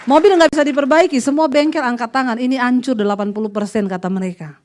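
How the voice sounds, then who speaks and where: A middle-aged woman pastor preaching a sermon, telling stories and acting out dialogue with lively emphasis. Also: sits high.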